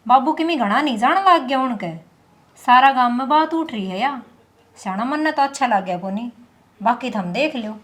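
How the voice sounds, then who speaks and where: A woman playing a scheming young Haryanvi daughter-in-law. Her voice is high and her delivery is hushed and plotting. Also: animated, moderate pace.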